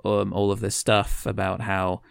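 A man's voice: on the low side, little pitch movement, a little slow, vocal fry, clean tone, no room sound, studio quality. A man co-hosting a comedy podcast, chatting loosely and then reading a long extract from his own writing, rambling and correcting himself as he goes. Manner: rambling, self-correcting storyteller. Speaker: podcast co-host.

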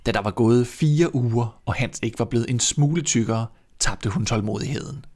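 A male storyteller reads a classic fairy tale aloud at a measured pace with expressive pacing. His voice sits at an ordinary mid pitch for a man. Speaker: storyteller, podcast host.

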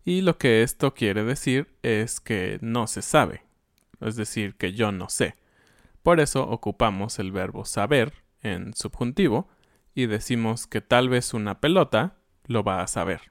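A man with a Mexican accent who explains slang in a casual lesson, often agreeing with a quick "ujú". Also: on the low side, lively intonation, dry recording, clean studio sound. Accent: Mexican Spanish. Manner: affirming with frequent "ujú", explanatory. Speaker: Spanish teacher.

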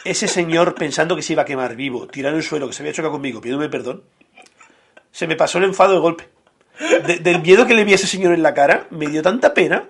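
A man tells a rowdy story on a casual podcast. His voice sits a little high and he talks very fast. He swears freely and acts out the other people in the story. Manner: crude, animated anecdote-telling with acted quotes. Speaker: podcast co-host.

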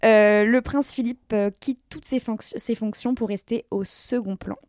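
A woman telling a story as a columnist in a casual podcast chat, lively and laughing as she goes. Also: on the high side, moderate pace.

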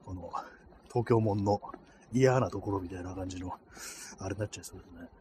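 A man with a lowish voice chats loosely into a phone as he walks outside at night. He rambles and hesitates, stringing thoughts together with fillers. Faint street ambience sits under his voice. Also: a little fast, dark tone, a little hiss or hum. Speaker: podcast host. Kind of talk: casual solo talk while walking. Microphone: phone held in cold hands.

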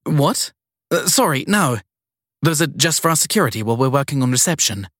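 A flustered young woman at a guesthouse desk, voiced by a male narrator, stammering and eager to please. Her voice sits high above his own, husky and dry, with quick nervous bursts. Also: lively intonation, a bit bright, no room sound. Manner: hesitant, stammering and apologetic. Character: flustered young woman receptionist, anxious and apologetic.

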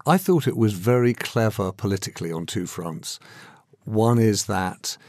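A man hosting a news podcast with a lowish voice, moving the talk along in a brisk, chatty way. The sound is dry and close, with no room around it. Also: lively intonation, darkish tone, dry recording. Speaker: podcast host.

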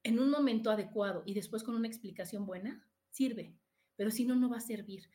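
A woman's voice: on the high side, fairly quick, mellow. A middle-aged Mexican woman hosting a podcast, giving chatty, casual advice to her live listeners and often checking in with "¿no?". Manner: chatty, tags "¿no?" after points. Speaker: podcast host.

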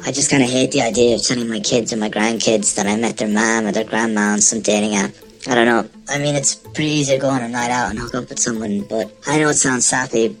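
A man in his thirties leaving a rambling, candid voice message, his voice disguised deep by an electronic pitch-down. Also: low-quality recording. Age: 30s. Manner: rambling, candid, a little sheepish. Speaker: listener sending in a voice message. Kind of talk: casual recorded voice note.

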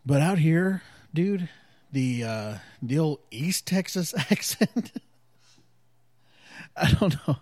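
Here the podcast host has a fairly high, animated voice with a darkish tone, talking slowly and pausing often. He chats alone at home beside an open window, easygoing and rambling, dropping plenty of fillers and chuckles, with no echo on the recording.

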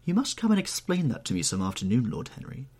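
A man's voice: medium pitch, very animated, fast talker, darkish tone, slightly rough, pitched above the performer's own voice. A man voicing a polite society lady in an audiobook.

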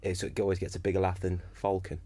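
Man, low pitch, comedian, casual swearing banter. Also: monotone, quick pace, warm tone, no room sound. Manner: chatty, swears, laughs often. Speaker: stand-up comedian, podcast regular.

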